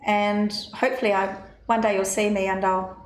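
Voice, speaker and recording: A woman's voice: medium pitch, level tone, normal speed. A woman, a guest in a studio interview, speaking hesitantly with many fillers. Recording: echoey studio, faint noise.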